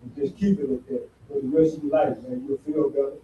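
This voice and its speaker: A man in his fifties giving a plain, halting testimony to a recovery group, pausing often. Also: mid-range voice, fairly even intonation, warm tone, echoey room, recorded from a distance, dull audio, slight background noise. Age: 50s. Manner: plain, halting, repeats himself with many "uh"s. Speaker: recovery house resident. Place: recovery house meeting room.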